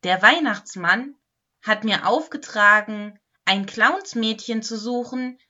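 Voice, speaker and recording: A woman's voice: a little high, takes it slowly, bright, forceful tone, lo-fi sound, voice pushed up, heavily acted. A woman voicing a helpful male Christmas elf in a storybook reading, friendly and explaining.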